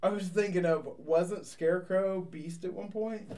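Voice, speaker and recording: A woman's voice: on the low side, a little slow, distant mic, crowd noise. A woman in casual podcast chat who laughs often and keeps the conversation going with questions.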